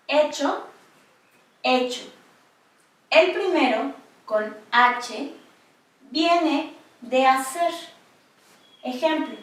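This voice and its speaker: A woman narrating a scripted spelling lesson with slow, deliberate delivery. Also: high voice, fairly bright tone. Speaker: spelling teacher. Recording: echoey, from far off the mic.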